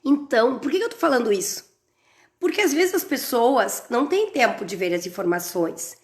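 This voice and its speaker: Animated woman, gravelly edge. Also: a little high, normal speed. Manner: animated, acts out dialogue with strong emphasis. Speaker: course instructor on a livestream. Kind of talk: live online class, storytelling.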